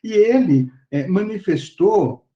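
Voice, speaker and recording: A man's voice: sits high, lively intonation, takes it slowly, mellow, dull audio. A male professor giving an online class lecture in a conversational way, with many fillers and tag questions.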